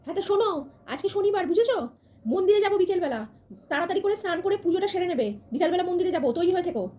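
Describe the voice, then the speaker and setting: A woman's voice: very high-pitched, expressive, very fast, darkish tone, pitched above the performer's own voice. A woman from West Bengal playing a bossy, old-fashioned mother-in-law who scolds and nags her daughter-in-law in a comedy skit. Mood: scolding. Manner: nagging, scolding, exasperated. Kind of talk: comedy skit role-play.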